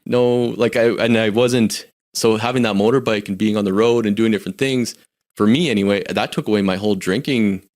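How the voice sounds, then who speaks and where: A Canadian man in his forties, a guest on a podcast, tells casual personal stories about his life, candid and reflective, often restarting his sentences. His voice is lowish and darkish in tone, with fairly even intonation and a brisk pace.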